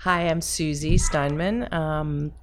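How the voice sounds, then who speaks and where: A woman's voice: low voice, steady tone, takes it slowly, a little hiss or hum. A woman who co-founded a community organization, speaking in an interview about its mission in an earnest way. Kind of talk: casual interview talk.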